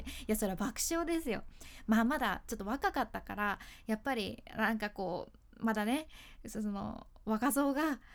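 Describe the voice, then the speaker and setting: A woman with a Fukuoka accent, a freelance announcer and speaking coach, telling stories in a casual solo talk, laughing often and acting out quotes. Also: fairly high pitch. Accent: Fukuoka Japanese. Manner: chatty storytelling, frequent laughs, acts out quotes.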